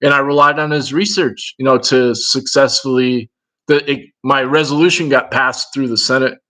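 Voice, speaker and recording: A livestream host in his fifties with a Minnesota accent chats casually with viewers, rambling and wandering off on tangents. His mid-range voice is bright and forceful with fairly even intonation at a moderate pace, and the recording is rough.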